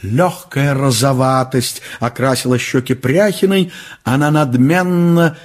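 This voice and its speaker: A man narrating an audiobook in an expressive, ironic storytelling manner. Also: medium pitch, a little slow.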